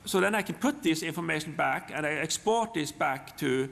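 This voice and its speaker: A man with a Norwegian accent, a native Norwegian speaker giving a technical software demonstration, haltingly, often repeating words and restarting. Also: fairly high pitch, expressive, gravelly. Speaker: software presenter. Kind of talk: live technical demonstration talk. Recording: long hall reverb.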